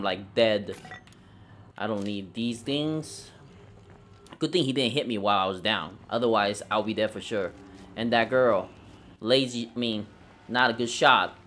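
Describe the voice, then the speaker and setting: Excitable man commenting on a game. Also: medium pitch, slight background noise. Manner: excitable, cursing, shouts in bursts. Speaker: gamer. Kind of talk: let's play commentary.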